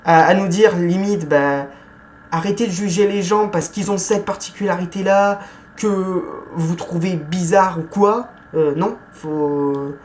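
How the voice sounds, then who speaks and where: A woman giving a casual film review, chatty and hesitant, often pausing with fillers and correcting herself. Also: fairly low pitch, darkish tone, slight background noise.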